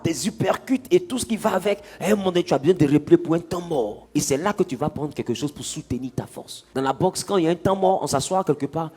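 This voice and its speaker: A man's voice: on the high side, warm tone, breathy edge. A man preaching a sermon, questioning the congregation and acting out little scenes. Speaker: pastor.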